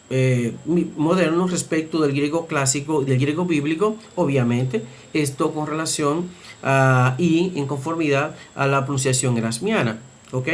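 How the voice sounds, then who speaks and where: A middle-aged man teaching Greek pronunciation in a methodical lecture, pausing with hesitations and clearing his throat now and then. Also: fairly high pitch, a little hiss or hum. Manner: methodical explanation with frequent "eh" hesitations.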